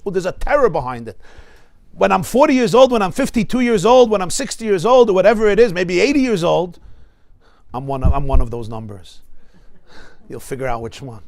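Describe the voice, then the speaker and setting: In a synagogue study hall, a middle-aged American rabbi leads a lively spoken class, his voice sitting high for a man. He laughs often and tosses questions to his listeners. The sound is dry and close, without room echo.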